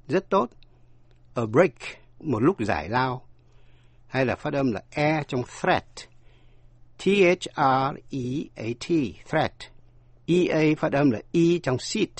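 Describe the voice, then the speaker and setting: A man teaching English pronunciation in a slow, deliberate scripted lesson, spelling out words letter by letter. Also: medium pitch, dry recording.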